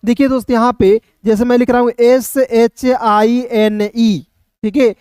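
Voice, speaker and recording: A man's voice: very high voice, steady tone, a little slow, a little mellow, smooth, no echo, clean studio sound. A man teaching an online English reading lesson, spelling words out letter by letter and repeating himself patiently as he addresses viewers as friends.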